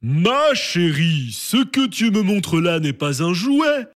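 Woman playing a giant father, deep put-on voice, kindly, reproachful, storybook, slow. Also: big pitch swings. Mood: gently scolding. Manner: lowered, slow, kindly lecturing voice.

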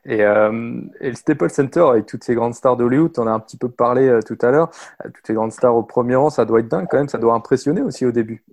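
A man interviewing a guest casually, asking relaxed questions. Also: medium pitch, quick pace.

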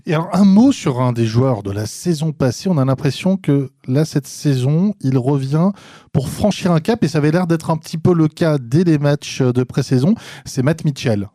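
Mellow-voiced man hosting a podcast. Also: on the high side, lively intonation, moderate pace, no room sound, clean studio sound. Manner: lighthearted, questioning. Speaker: podcast host. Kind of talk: casual podcast interview.

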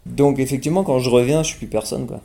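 A young man from France talks casually as an interview guest, his voice low in warmth and roughened with fry. He hesitates often, restarting his sentences and filling gaps. His tone stays relaxed and mellow throughout. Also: quick pace. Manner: hesitant, many fillers and restarts. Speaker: guest singer-songwriter.

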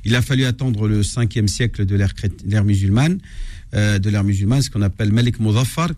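A man's voice: lowish voice, fairly quick, dark tone, dry recording, studio quality. A man, an imam explaining religion in a live radio discussion, hesitant and searching for words. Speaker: imam, regular radio guest.

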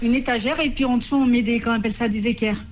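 A woman's voice: fairly high pitch, fairly even intonation, racing, narrow, tinny audio, a little hiss or hum. A woman in her fifties calling in to a radio show, speaking hesitantly with many restarts. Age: 50s. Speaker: caller. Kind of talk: phone call to a radio show.

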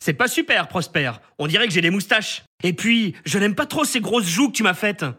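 A fussy cartoon dragon, as a man acts him out grumbles and demands in a very high, bright, tense voice. He swings his pitch up and down as he complains. Soft music plays behind him. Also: expressive, moderate pace, slightly rough, full character voice. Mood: grumpy, demanding. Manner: demanding, rhyming nicknames, complaining. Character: fussy vain drawn male dragon, grumpy. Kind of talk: storybook reading.

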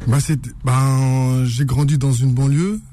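A man's voice: medium pitch, steady tone, slow pace, dark tone, a little hiss or hum. A man from France, a guest author in a radio interview, speaking hesitantly with many fillers and restarts.

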